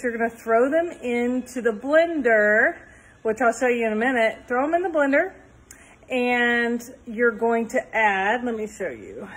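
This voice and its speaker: A woman in her thirties shows off a home cooking recipe in her kitchen, filmed on a phone, talking casually and enthusiastically with chatty, upbeat asides. Her voice is on the high side and a bit bright. The recording is low quality, with the phone held close at first and later propped farther away.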